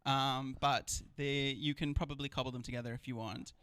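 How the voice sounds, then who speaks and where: A man's voice: medium pitch, steady tone, normal speed, fairly bright tone, clear, resonant tone, dry recording. A man acting as game master, improvising wry narration for a live tabletop game.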